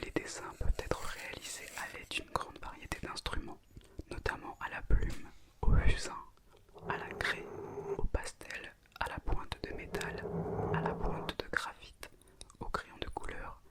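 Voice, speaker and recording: A woman reads an educational script in an intimate, unvoiced ASMR whisper. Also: unhurried.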